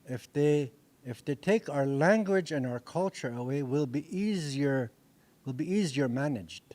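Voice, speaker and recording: An older man, Dakota being his first language, lectures a language class through a handheld mic in an indoor meeting room. His voice is fairly high and darkish, with lively intonation and a measured pace. He speaks earnestly, often restarting and repeating himself.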